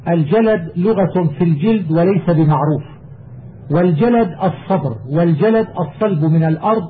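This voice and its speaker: High-voiced man reciting over tinny audio. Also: fairly quick. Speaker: teacher reading a lexical text. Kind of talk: reciting verse and reading commentary. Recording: tinny phone-like audio with faint hiss.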